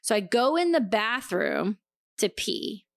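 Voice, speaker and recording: A woman co-hosting a podcast, telling a story in casual chat, animated and swearing freely as she acts out what people said. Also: fairly high pitch, slow pace, no echo, studio quality. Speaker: podcast co-host.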